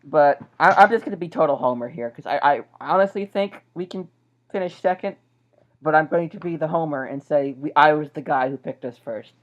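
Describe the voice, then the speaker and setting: A woman's voice: sits low, a little fast. A woman on a casual sports podcast, talking hesitantly and repeating her words. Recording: dull lo-fi internet call audio.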